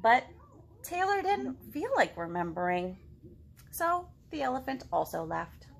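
Her voice sits high, gravelly and sing-song, and she takes her time. This woman in her thirties is a children's librarian leading a read-aloud storytime at home in the living room, speaking to young children directly and expressively, with slight background noise present.

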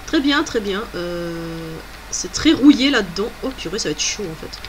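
A woman's voice: medium pitch, lively intonation, moderate pace, a little hiss or hum. A woman doing let's play commentary, chatty and exclamatory, thinking aloud as she plays. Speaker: gamer.

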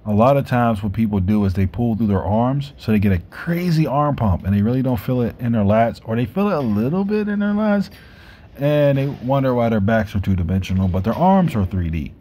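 A man in his thirties vlogs about his workout on a phone camera, his mid-range voice animated, brisk and mellow as he gives loose, self-correcting explanations in casual gym talk. He starts indoors at the gym with the phone propped up, then moves outdoors by some trees holding it at arm's length. Faint background noise runs under the recording.

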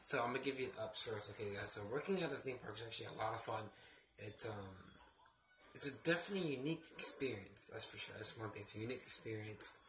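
A young man with a lowish voice talks fast in a casual, subdued, rambling vlog from his small bedroom. He works on theme park rides and is under the weather, with a sore throat and a cold sore on his lip, so he sounds hesitant. It's a handheld home recording on a phone or laptop at arm's length, with faint noise.

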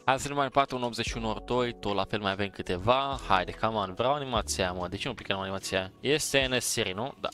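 A man's voice: medium pitch, fairly bright tone. Eager man narrating pack openings. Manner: eager, urging, sprinkles English exclamations. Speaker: gaming streamer opening packs. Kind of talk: casual pack-opening commentary.

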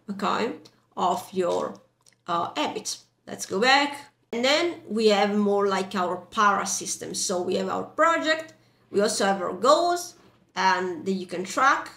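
A young woman, a non-native English speaker, giving a casual step-by-step software tutorial in an informal, loosely phrased way. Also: medium pitch. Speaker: tutorial presenter. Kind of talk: casual screen-recorded software walkthrough. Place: indoor room. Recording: roomy, echoey voice track.

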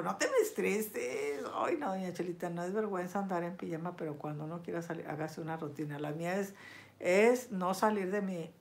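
Older woman, 60s, casual live chat, affectionate, lots of endearments. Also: fairly low pitch. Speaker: vlogger reading viewer comments.

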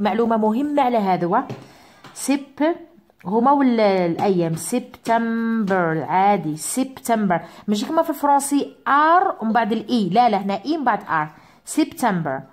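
A woman with an Algerian Arabic accent teaching English, slowly repeating each word for her pupils. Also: fairly high pitch. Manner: drawn-out repetitions of words for pupils. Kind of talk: classroom lesson.

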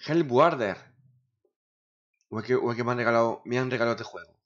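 Grumbling streamer, lo-fi sound. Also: male voice, mid-range voice, flat delivery, very fast, a bit bright. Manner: grumbling, swears often, talks to himself. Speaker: gaming streamer. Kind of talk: casual streaming chatter. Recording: dull lo-fi sound.

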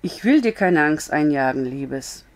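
A woman's voice: low-pitched, animated, unhurried. A woman reading a story aloud, voicing a frank, blunt but comforting young woman in an earnest, raised voice.

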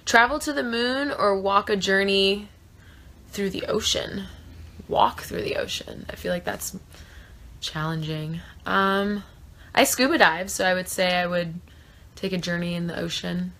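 Her voice is medium-pitched, a bit bright and measured in pace, with slight background noise behind it. She's a South Florida woman in her twenties fielding fan questions in a casual live chat from a small trailer room, phone held at arm's length, using many thinking-aloud fillers.

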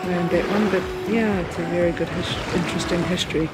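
A woman's voice: fairly low pitch, fairly even intonation, fast, over loud music, rough recording. A woman talking casually while sailing, rambling with frequent fillers and restarts. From New Zealand. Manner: rambling, hesitant with many fillers. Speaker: sailing vlogger. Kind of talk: casual off-camera commentary. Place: outdoors on a sailboat.

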